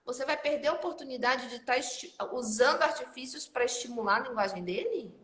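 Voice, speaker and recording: A woman's voice: high-pitched, expressive, a little fast, fairly bright tone. A woman hosting a live talk for mothers, speaking animatedly and directly to her audience. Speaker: otolaryngologist host. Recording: roomy echo.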